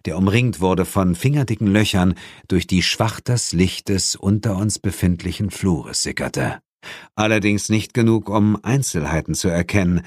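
A man narrating an audiobook in an expressive, dramatic first-person style, recorded close in a studio. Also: lowish voice, no echo.

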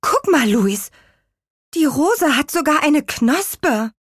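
A woman's voice: high voice, very animated, measured pace, breathy edge, no room sound, studio quality, pitched above the performer's own voice, exaggerated voice. A woman voicing a curious young girl in a children's audiobook. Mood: wondering.

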